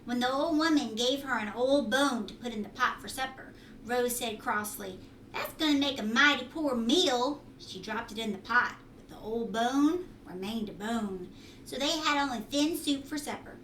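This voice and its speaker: Here a woman with a fairly high, fairly bright voice reads a children's book at a moderate pace, explaining things and checking in with questions the way a teacher would. It's a home recording, indoors, roomy and distant-miked with faint noise.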